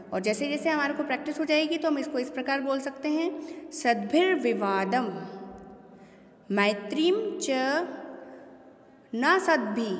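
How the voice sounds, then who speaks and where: A woman teaching Sanskrit verses to students. She breaks long words into parts and chants the verses slowly, mixing in English words. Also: high-pitched. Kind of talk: recorded classroom lesson. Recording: echoey room with long reverb.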